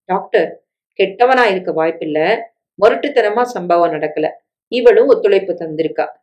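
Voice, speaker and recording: A woman voicing a calm male doctor who explains in a measured way, in a storybook reading. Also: high-pitched, muffled recording. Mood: explaining.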